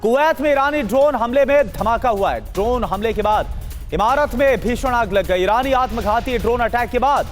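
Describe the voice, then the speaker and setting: A woman's voice: on the high side, normal speed, soft background music. A woman anchoring a live television news broadcast, reading breaking updates and putting questions to guests.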